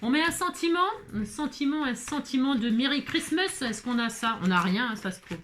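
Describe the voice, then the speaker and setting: A woman's voice: sits high, lively intonation, brisk, a bit bright, slight background noise. A woman hosting a casual crafting tutorial, chatting and rambling with many filler words as she works.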